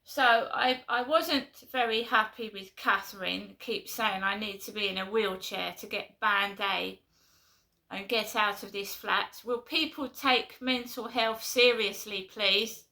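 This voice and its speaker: A woman's voice: mid-range voice, fairly even intonation, a little slow, gravelly, pushed and bright. A woman with a London accent venting to camera in a casual vlog, exasperated and repeating herself in short bursts. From London, England. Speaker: vlogger.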